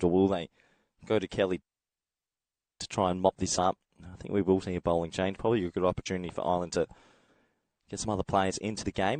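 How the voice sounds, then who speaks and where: An Australian man does solo live cricket commentary, his low, darkish voice slightly croaky from a head cold and recorded with no echo. He's chatty and reads viewer comments as he goes.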